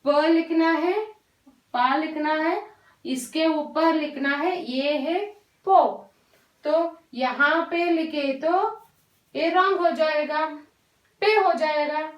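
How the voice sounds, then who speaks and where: Female schoolteacher, high and unhurried, patient and repetitive, heard from a distance in a roomy space. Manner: slow, patient, repetitive, mixes English words into Hindi. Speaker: primary school teacher. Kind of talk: recorded Hindi class for young children.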